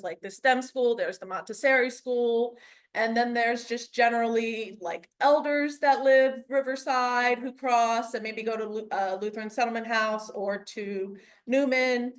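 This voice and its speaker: Woman with a highish voice, informal community update, blunt and chatty wording. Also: fairly bright tone. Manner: colloquial, frank. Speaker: community group member giving an update.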